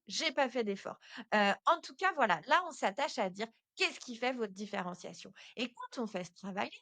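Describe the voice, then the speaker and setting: A woman's voice: a little high, a bit bright, no room sound. A woman hosting a podcast, giving direct, chatty advice straight to the listener. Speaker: podcast host. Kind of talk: casual solo podcast advice.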